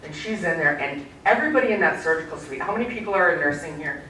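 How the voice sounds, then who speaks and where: A middle-aged woman tells a story from a stage, animated and quizzing her audience as she goes. Her voice is bright and forceful. The sound rings around a large hall, picked up from some distance. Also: low-pitched, fast, a little hiss or hum. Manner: animated, asks the audience questions. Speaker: keynote speaker. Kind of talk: storytelling speech to a live audience. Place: community event hall. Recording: echoey hall, mic from far off.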